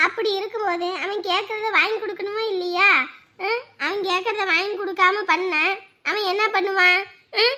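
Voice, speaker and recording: A woman's voice: very high voice, steady tone, moderate pace, pushed and bright. A woman playing a scheming old grandmother who spoils her grandson, in a family drama, with a nagging, whiny manner. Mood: complaining. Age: older. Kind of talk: village family drama acting.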